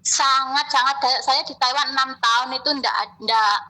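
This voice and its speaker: A woman's voice: sits high, fairly even intonation, moderate pace, sharp tone, low-quality recording. A woman working as a domestic helper, answering deferentially in a casual phone chat. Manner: deferential, short eager replies. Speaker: migrant domestic worker.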